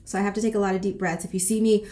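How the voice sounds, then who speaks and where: A boutique owner in her thirties vlogs from a small decorated room, chatting very fast in a medium-pitched voice. Congested and a bit short of breath from a cold, she's sassy and animated, peppering her talk with slang and swearing.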